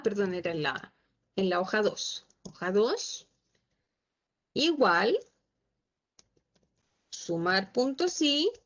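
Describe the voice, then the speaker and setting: Female instructor, high voice, patient step-by-step teaching, slightly muffled call audio. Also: a bit bright. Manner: patient, asks the class checking questions. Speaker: Excel instructor. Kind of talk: online class teaching. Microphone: video call.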